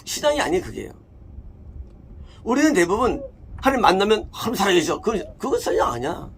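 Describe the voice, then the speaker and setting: Emphatic Korean pastor, high lively voice. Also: male voice, gravelly, a little hiss or hum. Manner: emphatic, asks questions and answers them himself. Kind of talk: sermon. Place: church.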